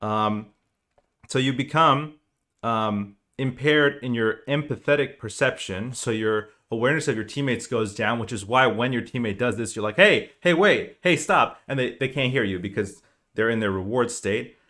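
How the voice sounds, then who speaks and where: A man giving a casual spoken lecture as a team coach, explaining in a conversational, animated way. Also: mid-range voice, normal speed.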